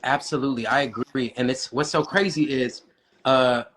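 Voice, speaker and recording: Thoughtful man, mid-pitched. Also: steady tone, normal speed, a crowd in the background. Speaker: guest. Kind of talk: casual conversation.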